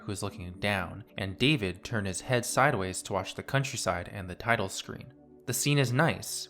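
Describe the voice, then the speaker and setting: A man in his twenties narrating a scripted video essay in a measured, analytical way. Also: lowish voice, a bit bright.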